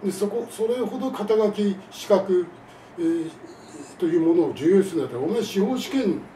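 A man with a high, lively voice that swoops up and down, speaking as an English teacher in an indignant, scornful monologue. His tone is mellow and dark-timbred. He sounds set back from the mic in a reverberant room with faint background noise. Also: distant mic. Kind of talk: monologue lesson and complaint to camera.

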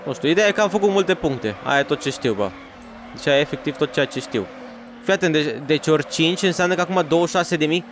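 A man playing a racing game for his channel, chatting in slangy, excitable bursts to himself and his viewers. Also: on the high side, soft background music. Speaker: gaming YouTuber. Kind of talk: let's play commentary.

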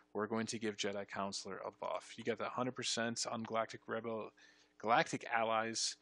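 A young man streaming, reading game ability text aloud and reacting with excited bursts in casual commentary. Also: lowish voice, no echo. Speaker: streamer reviewing game ship changes.

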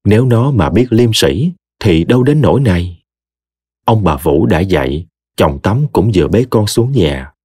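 A man narrating an audio story with an expressive, dramatic reading. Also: on the low side, unhurried, slightly rough, no room sound, clean studio sound.

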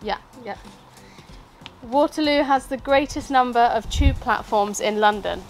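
A woman with a fairly high voice chats casually as a contestant in a quiz game. She speaks in short answers, with some music in the recording. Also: normal speed.

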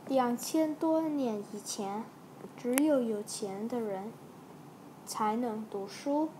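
A woman teacher slowly reading a simple story aloud for learners, with careful, halting phrasing. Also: a little high, warm tone, a little hiss or hum, low-quality recording.

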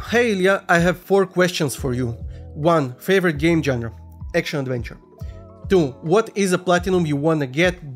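A man in his thirties from Russia, casually reading viewer questions aloud and answering them in a relaxed vlog, on a studio mic in a small room. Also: on the high side. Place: small room with neon lights, indoors. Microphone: studio mic on stand in front.

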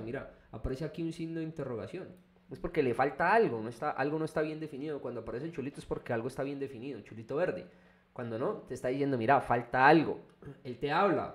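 A man, walking viewers through an engineering program in a casual screen-recorded lesson, with frequent restarts and checks of "¿listo?". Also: medium pitch. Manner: conversational, repeats "¿listo?" and restarts often. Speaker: engineering instructor. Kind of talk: screen-recorded software tutorial.

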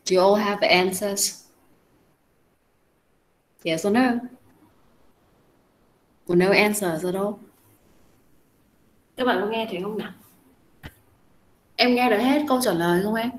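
A woman's voice: mid-range voice, a little slow, long pauses, slight background noise, low-quality recording. A young adult woman teaching an English class. She explains each phrase step by step. She keeps coaxing her students with repeated questions.

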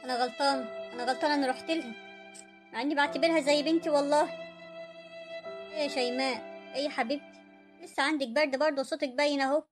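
A woman voicing a poor, gentle older mother-in-law in an Egyptian cartoon story, pleading and self-effacing, with an Egyptian accent. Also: sits high, steady tone, racing, long pauses, music in the background, close to an everyday voice. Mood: meek.

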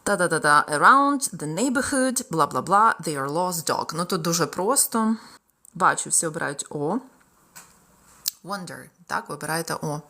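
A young woman with a Ukrainian accent leads a live-streamed English exam-prep lesson in her native Ukrainian. Her voice sits a little low. She switches into English to read example sentences slowly and with care. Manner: lively, reads example sentences aloud slowly. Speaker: English tutor.

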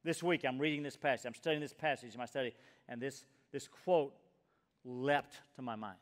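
Older pastor preaching with hall echo. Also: male voice, mid-range voice, moderate pace. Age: 60s. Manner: emphatic, swings from loud urging to hushed near-whisper. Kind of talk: sermon. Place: church sanctuary. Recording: long reverb of a church hall.

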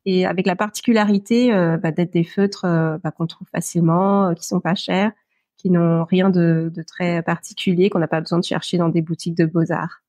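A woman, a podcast guest who talks with many pauses and fillers. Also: lowish voice, steady tone, darkish tone, no echo. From Paris, France. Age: 40s. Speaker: interview guest. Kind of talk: podcast interview.

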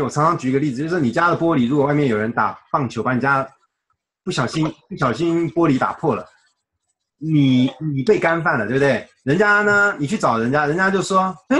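A man's voice: on the high side, lively intonation, brisk, a bit bright. Chatty male Bible study teacher. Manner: chatty, explains with everyday examples, acts out quoted dialogue.

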